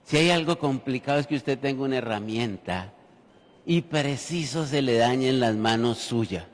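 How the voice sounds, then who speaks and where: A man's voice: mid-range voice, normal speed. A man preaching a sermon in church, telling the story with humor and speaking directly to the congregation. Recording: reverberant church hall.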